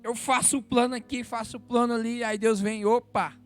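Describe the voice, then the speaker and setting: A Brazilian man delivers a heartfelt sermon in a church in a strikingly high voice. He builds to fervent appeals, then sinks into quiet, personal confession. Gentle instrumental music plays faintly behind him. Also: level tone, brisk, clean tone. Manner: emotional, rises to fervent exhortation then drops low and intimate. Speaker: church worker preaching. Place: church sanctuary.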